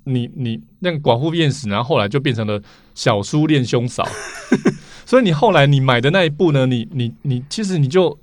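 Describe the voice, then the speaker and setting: A man's voice: mid-range voice, lively intonation, moderate pace, no echo, studio quality. A man with a Taiwanese Mandarin accent speaking as an interview guest, explaining things casually and repeating phrases as he goes. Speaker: interview guest, vintage record collector.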